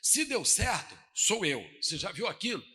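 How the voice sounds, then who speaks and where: A Brazilian man preaching a dramatic sermon as pastor, switching between shouted lines and quiet asides. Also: high voice, sing-song, moderate pace, breathy edge. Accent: Brazilian Portuguese. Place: church hall. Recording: church hall reverb.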